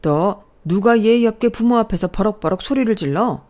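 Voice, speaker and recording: A woman voicing a stern, angry middle-aged father who scolds loudly. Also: deep voice, normal speed, natural voice. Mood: furious. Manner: shouting, scolding.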